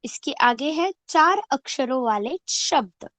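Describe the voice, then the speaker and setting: This is a female teacher with a high, animated, somewhat bright voice, leading first graders in an online lesson. She breaks words into syllables slowly and clearly, and she answers her own questions to the class. No echo is present.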